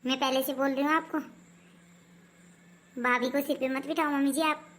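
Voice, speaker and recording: A woman's voice: high voice, fairly even intonation, moderate pace, a bit bright, a little hiss or hum. A woman playing a meddling married daughter who nags her mother in a family skit. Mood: scolding. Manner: nagging, reproachful.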